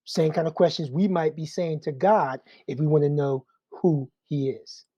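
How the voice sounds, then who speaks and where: A man's voice: a little high, moderate pace, dry recording, muffled recording. A man teaching an adult Sunday school class in a conversational way, often checking in with rhetorical questions.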